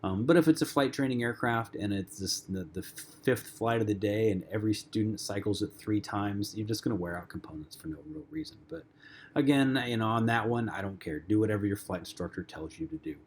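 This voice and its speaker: Guy explaining flying stuff like a relaxed instructor, kinda low voice, lots of ums, bit of hum behind. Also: fairly quick. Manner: casual, conversational, frequent ums and uhs. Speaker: flight instructor. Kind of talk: lecture-style flight lesson.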